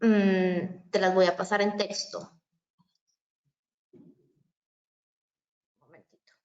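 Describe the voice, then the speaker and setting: A woman's voice: medium pitch, little pitch movement, very slow, darkish tone. A woman reading audience questions in a live online Q&A, her voice breaking up on a choppy, glitchy video call. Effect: choppy, glitchy video-call audio. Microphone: computer or phone on a video call. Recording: dull lo-fi video call line.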